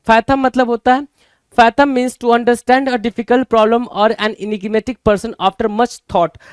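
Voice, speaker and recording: A man's voice: sits high, no echo, studio quality. A man teaching English vocabulary for exams in a mix of Hindi and English, repeating each word and asking his students rhetorical questions. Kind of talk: Hindi-English exam prep lecture.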